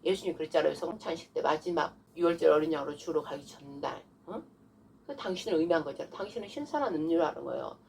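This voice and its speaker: A woman pastor preaching a sermon, breaking into forceful shouted rebukes of devils as she shows how to pray. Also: lowish voice, breathy edge.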